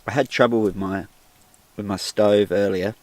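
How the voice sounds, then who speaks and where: A man with a voice on the low side talks at a moderate pace with fairly even intonation. He's an outdoor vlogger chatting casually to the camera from a small tent with a wood stove. His solo commentary rambles along with self-deprecating asides.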